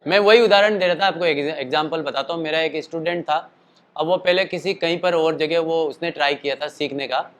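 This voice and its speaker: A singing and voice teacher, his voice slightly high and his throat fatigued from a show the night before, rambles chattily through a casual lesson at a fairly quick clip. Every so often he interrupts himself to demonstrate calls and sung notes.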